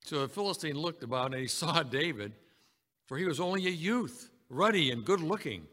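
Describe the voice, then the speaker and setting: Preacher with a bright voice in a reverberant hall. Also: male voice, on the high side, animated, moderate pace. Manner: reads scripture aloud, addresses congregation as brethren. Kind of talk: sermon.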